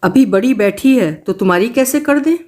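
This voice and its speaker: A woman reading the part of a stern, quick-tempered middle-aged mother who scolds her daughters. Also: fairly high pitch, lively intonation, a little mellow, pitched above the performer's own voice, lightly acted. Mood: scolding.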